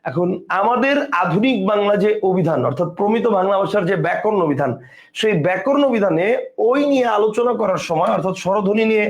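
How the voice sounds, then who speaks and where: Male tutor, high bright voice, brisk self-quizzing grammar lesson with English words mixed in. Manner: explains step by step, asks and answers his own questions; mixes English words into his speech. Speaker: teacher. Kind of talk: exam-prep grammar lesson.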